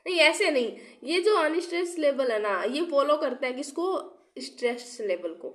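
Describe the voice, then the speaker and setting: Unwell young woman teaching, slightly high voice. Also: lively intonation, moderate pace, a bit bright. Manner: asks rhetorical questions and repeats key terms; checks in often with "theek hai". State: unwell, coughing. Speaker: English literature teacher. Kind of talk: exam-prep lecture.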